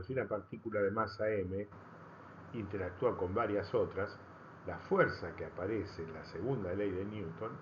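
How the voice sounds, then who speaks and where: A man's voice: low-pitched, lo-fi sound, a little hiss or hum. A man teaching a physics class in a recorded lecture. He explains patiently, rephrases his points and checks in with his students. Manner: explanatory, rephrasing often, checking understanding with tag questions. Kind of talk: recorded lecture over slides.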